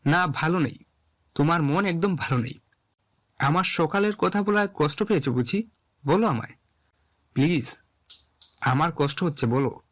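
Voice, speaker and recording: A man's voice: on the high side, animated, normal speed, pauses often, fairly bright tone. A man playing a tender, insistent young man. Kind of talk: Bengali audio drama acting.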